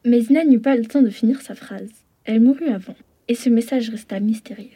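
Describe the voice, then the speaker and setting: A woman narrating a children's story in a calm, even tone. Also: a little high, a little fast, breathy edge.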